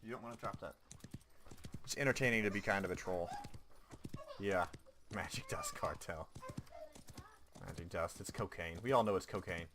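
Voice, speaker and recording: A man's voice: deep voice, a little fast, long pauses, noisy background. A man streaming a game, chatting casually and joking, laughing often as he plays. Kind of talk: casual gameplay commentary.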